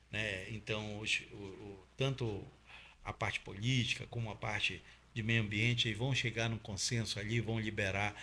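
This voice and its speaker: With a sharp-toned, mid-range voice, a middle-aged man from Pará speaks Paraense Brazilian Portuguese as an interview guest. A safety trainer in the oil industry, he explains step by step, dotting his speech with fillers and tag questions.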